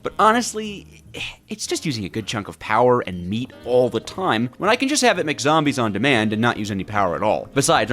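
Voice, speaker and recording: Theatrical and wryly exasperated, a man with a mid-range, fairly bright voice gives scripted narration of a game he's playing himself, dramatizing his reactions. Music plays in the background.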